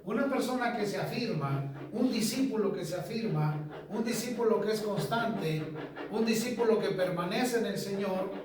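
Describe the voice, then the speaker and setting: A man pastor teaching a sermon, measured, repeating key phrases and putting questions to the congregation. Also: sits high, a crowd in the background. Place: church hall. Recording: echoey church from far off.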